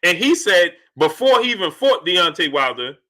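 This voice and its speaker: A man hosts a livestream exposé in a very sharp, forceful voice that sits high for a man. He is smug and sarcastic, throwing out mocking rhetorical questions and repeating phrases to drive each point home. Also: big pitch swings, moderate pace. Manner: emphatic, repeats phrases for effect. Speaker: host of a boxing commentary livestream. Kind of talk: opinionated boxing commentary to a live audience.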